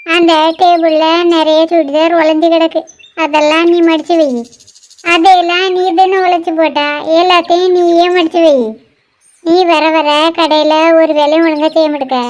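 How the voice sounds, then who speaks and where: A woman doing sharp-tongued cartoon girls. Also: extremely high pitch, little pitch movement, moderate pace, dull audio. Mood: scolding. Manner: sharp-tongued, teasing, scolding. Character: bickering young women in a clothing shop. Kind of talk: cartoon voice acting, one voice for several girls.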